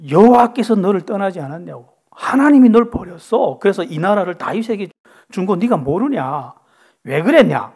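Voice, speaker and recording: A man's voice: mid-range voice, moderate pace, lightly acted. A man voicing a stern, contemptuous spirit that scolds a king, within a sermon. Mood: scolding. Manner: scolding, harsh.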